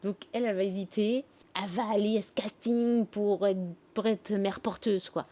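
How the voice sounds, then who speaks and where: A woman's voice: mid-range voice, steady tone, moderate pace, mellow, no room sound. A young woman chatting casually about her favourite books, rambling and slangy with lots of fillers. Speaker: book vlogger. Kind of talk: casual book review chat.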